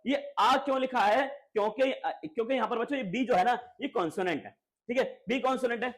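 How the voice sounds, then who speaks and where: A man's voice: very high voice, brisk. A man teaching a grammar lesson to schoolchildren, asking and repeating questions. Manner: lively, repeats questions to students, coaxing.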